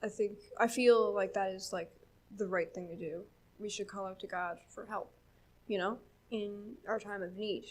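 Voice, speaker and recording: A young woman speaks in Newfoundland English at a medium pitch with fairly even intonation, a moderate pace and a slightly mellow quality. She is telling a casual story at church in a chatty way, with many fillers and laughs.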